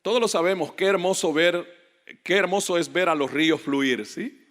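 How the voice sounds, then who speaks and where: A man preaching a fervent sermon as a guest pastor, rising to loud emphatic peaks. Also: fairly high pitch, normal speed. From Latin America. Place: church hall. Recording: echoey church hall reverb.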